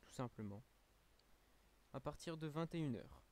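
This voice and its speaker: Tired French streamer chatting casually. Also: male voice, mid-range voice, animated, measured pace, darkish tone, a little hiss or hum. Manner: rambling, many fillers and restarts. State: a little tired. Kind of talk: casual live-stream chat.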